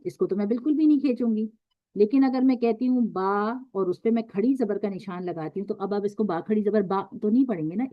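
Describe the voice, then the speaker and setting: A woman teaching Quran recitation in an online lesson, patient and repetitive, stretching letter sounds slowly to show them. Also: a little high, no room sound, muffled recording.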